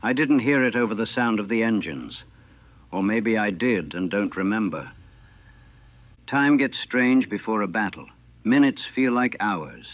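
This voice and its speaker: Old-recording voice of a low-pitched older man. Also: expressive, measured pace, no echo. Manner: plain, matter-of-fact, clipped sentences. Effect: old 1940 recording. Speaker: navy veteran recalling a battle. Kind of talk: first-person war reminiscence. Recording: thin, dry, phone-like old recording.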